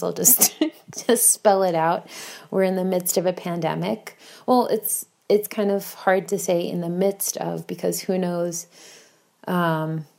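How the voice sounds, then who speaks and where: An American woman from Bayonne, New Jersey, appearing as a podcast guest contributor, records a casual, rambling, self-deprecating monologue in her home kitchen. Her voice is on the low side, with vocal fry and a darkish tone.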